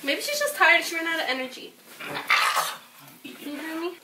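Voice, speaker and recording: A woman's voice: very high-pitched, very animated, normal speed, roomy sound, distant mic, heavy background noise. A young woman in a casual prank video, shrieking, laughing and cooing to her dog in a bedroom. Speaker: prank vlogger. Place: bedroom at home.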